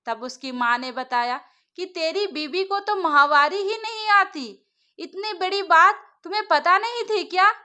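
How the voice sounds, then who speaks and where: Woman reading a moral story aloud, really high pitch, bright sharp tone. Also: a little slow. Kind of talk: scripted story narration.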